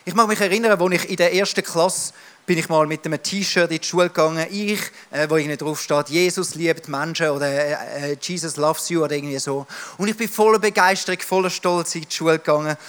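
A man's voice: a little high, brisk, a bit bright. A man in his thirties with a Swiss German accent, preaching a sermon emphatically and addressing the listener directly.

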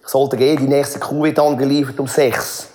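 A man voicing a plain-spoken village farmer who talks in a slow, homely way. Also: medium pitch, level tone, mellow, soft background music, pitched below the performer's own voice, lightly acted.

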